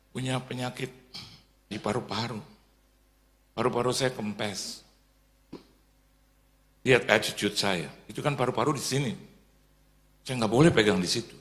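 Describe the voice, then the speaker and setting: A middle-aged man from Indonesia preaching a sermon, telling lively stories, acting out the people he quotes and mixing English phrases into his talk. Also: mid-range voice. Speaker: pastor.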